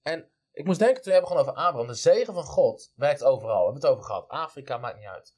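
A man's voice: mid-range voice, animated, rapid-fire. A man in a casual Bible discussion who talks eagerly and affirms his partner often.

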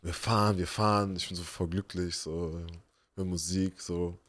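Low-voiced young man spinning animated stories. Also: moderate pace, no room sound. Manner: animated storyteller, acts out quoted voices. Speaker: podcast co-host. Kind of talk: casual storytelling chat.

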